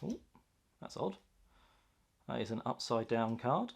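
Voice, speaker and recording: A man's voice: mid-range voice, very animated, measured pace, creaky. A man chatting casually and enthusiastically as he hosts an unboxing, reacting aloud to what he finds. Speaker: host of a card pack opening video.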